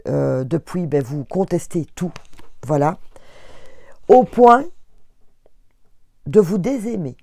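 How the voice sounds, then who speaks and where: Low, warm Belgian woman reading cards. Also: dry recording. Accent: Belgian French. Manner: chatty, addresses viewers directly, many fillers and restarts. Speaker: tarot reader. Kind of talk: casual astrology card reading to viewers.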